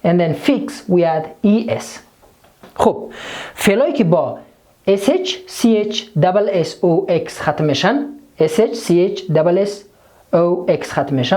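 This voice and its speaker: A woman teaching English grammar, explaining slowly and repeating each rule in two languages. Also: lowish voice, a little mellow. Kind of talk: grammar lesson mixing English and Dari.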